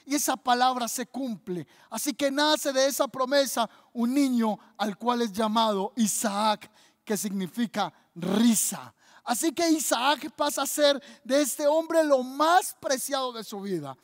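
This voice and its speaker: A woman's voice: on the high side, unhurried, no echo, clean studio sound, long reverb tail. A Colombian woman pastor preaching a fervent sermon, firing off repeated rhetorical questions at the congregation.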